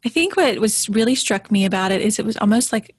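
A woman's voice: medium pitch, animated, fast talker, husky, no echo. A woman interviewer speaking in a chatty way, with frequent fillers. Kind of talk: casual interview chat.

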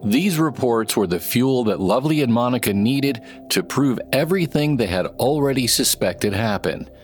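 A man giving scripted documentary narration in a measured, even delivery. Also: medium pitch, soft background music. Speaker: podcast narrator.

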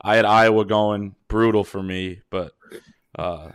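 A man hosting a sports podcast, talking through basketball games in a measured, casual way with long, winding points. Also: on the low side, steady tone, smooth. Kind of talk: casual sports analysis chat.

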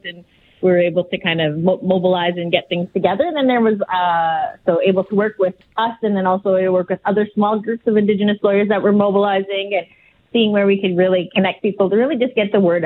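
A woman's voice: on the low side, narrow, tinny audio. A woman legal director answering interview questions earnestly, often restarting phrases and searching for words.

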